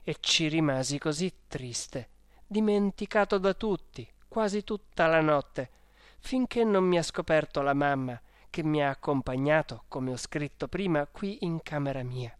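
An audiobook reader narrating a first-person diary story in a measured, even manner. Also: mid-range voice, clear, resonant tone, dry recording. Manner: slow, measured, even reading.

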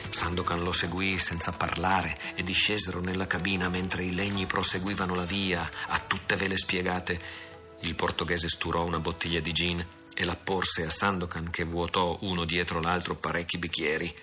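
A man narrating an adventure novel as an audiobook, in a steady, measured storytelling manner. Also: low-pitched, over music. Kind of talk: audiobook reading.

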